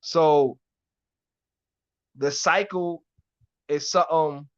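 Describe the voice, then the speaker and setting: A man's voice: on the high side, steady tone, drawn-out words, a bit bright, smooth, dull audio. A man with a New York accent mixed with Florida, chatting casually with his live-stream audience in loose street slang, cursing a lot and repeating "you know what I mean.". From Harlem, New York. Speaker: live-stream host answering chat. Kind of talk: casual chat.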